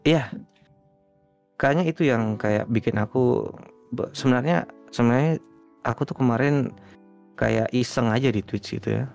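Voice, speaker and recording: A man, a guest streamer, chatting casually in an interview, relaxed and rambling with lots of fillers. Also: mid-range voice, normal speed, creaky, pauses often, soft background music.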